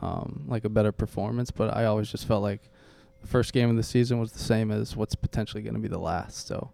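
A man's voice: on the low side, fairly even intonation, fast, vocal fry, mellow. A young adult man, a guest on a casual podcast, talking modestly and hesitantly with many ums. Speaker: podcast guest, baseball player.

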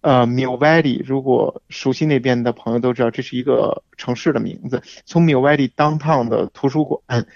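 A man as the guest on a radio talk show, explaining things in a measured way with frequent fillers. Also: medium pitch, fairly even intonation, creaky, a little mellow, no echo, dull audio. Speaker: guest hiking expert. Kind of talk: casual radio interview.

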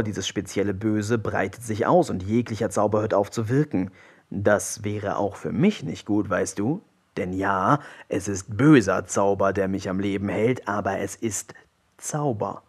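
A man voicing a carefree, scheming pirate captain who talks softly and offhandedly. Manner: soft, low-key and offhand.

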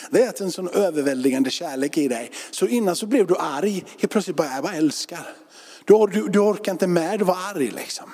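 A man's voice: sits high, dark tone. A male pastor giving a sermon in an informal, conversational way, with loose fillers and repeated words. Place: church sanctuary. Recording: reverberant church hall.

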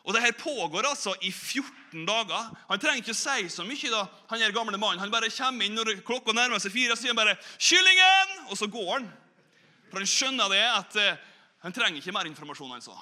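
Bright-voiced, chatty male preacher. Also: high-pitched. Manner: lively, chatty, asks the audience questions. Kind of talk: storytelling sermon. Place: church.

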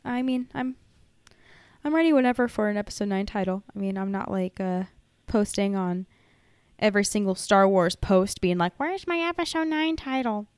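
Casual and sarcastic, a woman co-hosts a chatty fan podcast from a home setup. She sounds close and dry on the mic, with a middle-pitched voice. Her delivery swings between deadpan grumbling and bursts of animation. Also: normal speed, clear, resonant tone, no echo. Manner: sarcastic, animated, slips into a hyped announcer voice when reading. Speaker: podcast co-host. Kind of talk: casual chat.

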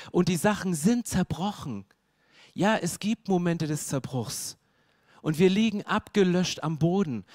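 A man's voice: a little high, darkish tone, no echo, clean studio sound. A male preacher delivering an emphatic sermon in a casual, slangy way, speaking straight to the listener.

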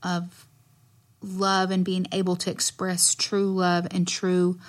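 A woman's voice: fairly low pitch, monotone, slow. A woman with a West Texas accent speaking as a nurse guest in an interview, explaining earnestly and choosing her words carefully.

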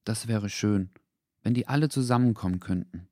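A man voicing a young, kind-hearted boy in a children's audio story, talking earnestly and gently. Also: fairly low pitch, normal speed, no room sound, studio quality, close to an everyday voice. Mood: wistful.

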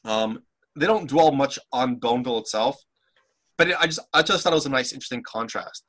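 A man with a bright, forward voice talks through a story in relaxed podcast chat. He hesitates often and restarts his sentences as he hunts for words. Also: medium pitch, brisk. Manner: hesitant, many fillers and restarts. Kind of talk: casual chat.

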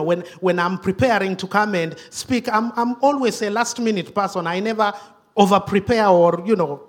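A male preacher with a high voice and a husky edge delivers a sermon in a church. He swings between raised, emphatic lines and a hushed whisper, often repeating himself as he goes. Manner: dramatic drops to a hushed whisper; repeats himself, self-correcting restarts.

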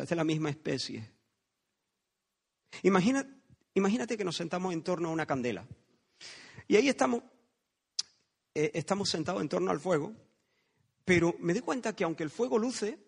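A man's voice: fairly high pitch, gravelly, slightly rough. A man preaching a sermon in a conversational way, telling parables and asking rhetorical questions.

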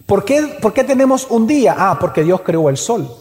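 High-voiced preacher in a reverberant hall. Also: male voice, big pitch swings, a little mellow. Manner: rhetorical questions, slow emphatic preaching. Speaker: pastor. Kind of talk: sermon. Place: church hall.

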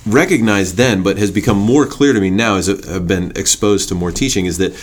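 A man's voice: on the low side, fairly quick. A young adult man hosting a podcast interview, affirming and asking considered questions. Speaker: podcast host.

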